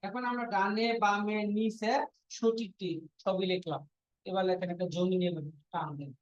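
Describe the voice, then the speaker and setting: Speaking at a normal pace with fairly even intonation, a woman with a mid-range voice runs a language lesson, repeating each point and frequently quizzing the class. The audio is dry, dull, and lo-fi.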